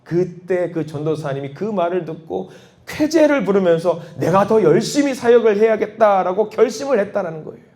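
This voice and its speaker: A male pastor delivers a sermon in a church sanctuary. His voice sits a little high for a man. He tells his story by acting out the quoted voices, and his pitch leaps when he does. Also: big pitch swings, normal speed, darkish tone.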